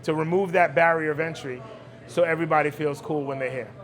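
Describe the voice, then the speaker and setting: Talking fast in a fairly high voice with fairly even intonation, a Brooklyn, New York man who owns a cigar lounge is a podcast interview guest. His delivery is conversational and emphatic, with repeated phrases.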